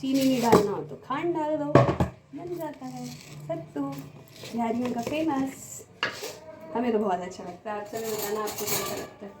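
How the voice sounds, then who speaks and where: A young woman chatting casually to her viewers as she cooks at home, sometimes lowering her voice to keep the house quiet. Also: unhurried, heavy background noise. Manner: chatty, talks to viewers directly; speaks softly at times to keep the house quiet. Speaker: vlogger. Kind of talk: casual home vlog narration.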